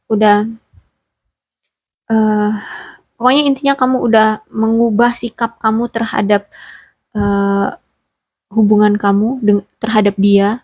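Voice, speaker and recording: A woman's voice: on the high side, darkish tone, no echo. A woman giving a relationship reading straight to the listener, rambling with many fillers and self-corrections. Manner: speaks directly to the listener.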